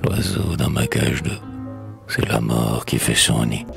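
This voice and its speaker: This is a solemn male poetry reciter, speaking in a very low, gravelly rumble. Every word is drawn out slowly and theatrically. He sounds set back from the microphone, with soft music underneath. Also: animated, heavily acted.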